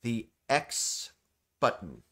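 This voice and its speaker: A man's voice: medium pitch, very animated, extremely slow, a bit bright. A man demonstrating a game in an instructional tutorial style, explaining controls step by step and repeating key points. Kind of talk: step-by-step gameplay tutorial narration.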